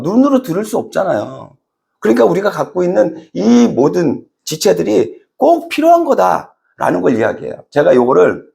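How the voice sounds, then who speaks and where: A middle-aged man preaches in a conversational, animated way, slipping into character voices as he tells a story. His voice sits fairly high for a man, with a gravelly rasp and wide swings in pitch. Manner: conversational, asks the congregation questions. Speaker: pastor. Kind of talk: sermon.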